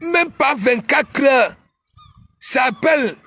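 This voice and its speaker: A man from Cameroon with a Cameroonian accent, hosting a casual live stream where he mocks and teases, often breaking into shouts. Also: extremely high pitch, expressive, slow pace, gravelly, no room sound. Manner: mocking, teasing, bursts of shouting.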